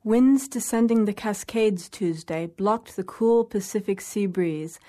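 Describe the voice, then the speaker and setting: A woman's voice: mid-range voice, unhurried, dark tone, lightly acted. A woman playing a weather forecaster, reading a scripted forecast. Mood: neutral. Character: weather forecaster reporting record temperatures.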